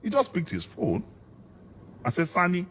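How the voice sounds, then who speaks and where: A man's voice: high voice, very animated, normal speed, fairly bright tone. A Nigerian man arguing politics in a heated interview, fiery and preacher-like, hammering his points. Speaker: political guest.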